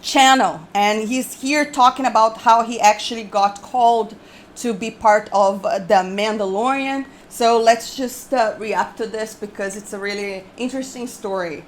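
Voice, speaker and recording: A woman's voice: fairly high pitch, moderate pace, slight background noise. A woman giving casual reaction commentary as the host of a video.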